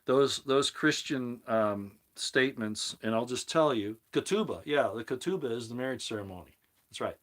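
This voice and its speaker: A man's voice: medium pitch, expressive, normal speed, fairly bright tone. A man hosting a livestream, reading viewers' comments aloud and answering them in a rambling way, often restarting his sentences. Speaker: livestream host answering chat. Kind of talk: casual livestream talk on scripture.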